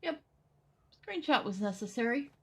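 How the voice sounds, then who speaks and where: A woman's voice: fairly high pitch, animated, moderate pace, fairly bright tone, slightly rough. A woman streaming a game, chatting casually and answering her viewers between exclamations. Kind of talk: casual live-stream commentary.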